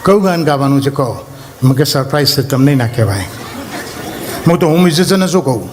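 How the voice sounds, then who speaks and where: A man performing stand-up comedy on stage, telling stories and breaking into slow, drawn-out film songs in mock voices. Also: medium pitch, animated, a crowd in the background, background noise. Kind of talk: Gujarati stand-up storytelling. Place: live stage show.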